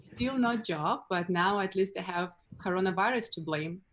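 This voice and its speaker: A woman from Russia with a Russian accent, doing a stand-up set over a video call in a deadpan, blunt way, laughing at her own jokes. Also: medium pitch, normal speed, slight background noise. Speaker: stand-up comedian.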